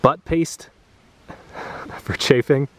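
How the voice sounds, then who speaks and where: A man in his thirties casually talking through the items he keeps in his car, with a relaxed, chatty delivery and frequent "uh" fillers, recorded outdoors in a grassy clearing. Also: mid-range voice, very slow, slight background noise. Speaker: vlogger. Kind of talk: casual show-and-tell.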